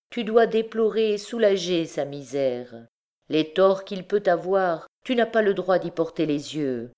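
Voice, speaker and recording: Female reader voicing a trembling mother, imploring, slow and fairly low. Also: warm tone. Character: distraught trembling mother hiding a secret. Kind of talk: audiobook dialogue reading.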